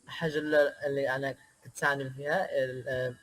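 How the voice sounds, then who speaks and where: A man from Indonesia, a native Indonesian speaker, chatting as an interview guest in a hesitant way with many pauses and filler sounds. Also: mid-range voice, little pitch movement, a bit bright. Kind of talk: casual interview chat.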